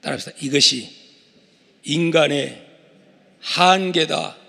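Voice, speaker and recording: Male pastor, high and lively voice, call-and-response sermon, long church-hall echo. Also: takes it slowly, gravelly. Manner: call-and-response preaching, shouting for emphasis. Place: church sanctuary.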